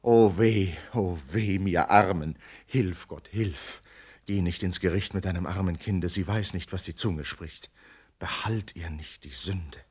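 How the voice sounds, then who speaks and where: A man voicing a pious, worried old mother in a dramatic poetry recitation, speaking in soft, hushed pleas. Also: mid-range voice, animated, slow pace. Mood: pleading.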